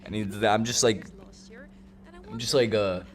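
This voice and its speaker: A man hosting a live-stream watch party, chatting casually and teasing with loud bursts of mock outrage. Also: on the low side, steady tone, measured pace.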